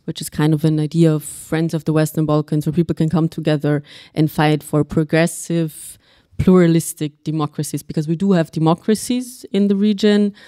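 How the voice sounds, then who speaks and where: A woman's voice: deep voice, warm tone, dry recording, clean studio sound. A young woman from Austria speaking earnestly as a panelist, restarting phrases as she thinks aloud. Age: young adult. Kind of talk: panel discussion.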